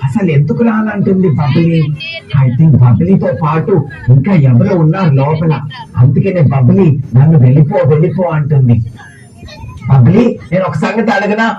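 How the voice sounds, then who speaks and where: A man's voice: on the high side, animated, normal speed, faint music behind. A man presenting a children's puppet show, scolding and pleading with a puppet in a teacherly tone. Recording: distant, dull, very noisy recording.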